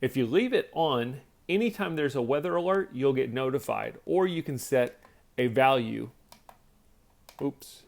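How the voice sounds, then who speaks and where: A product reviewer talks through a demonstration in a mid-pitched voice that often drops into creak. He's plainspoken and casual, explaining each feature in simple steps, animated but a little slow.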